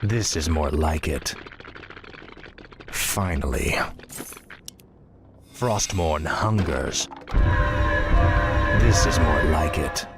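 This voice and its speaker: A cold death knight from a fantasy game speaks very low and with slow, deliberate weight. He sounds imperious and brooding over loud music. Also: exaggerated voice. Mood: grim satisfaction. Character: cold, arrogant male death knight with a cursed sword. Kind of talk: video game hero-villain acting.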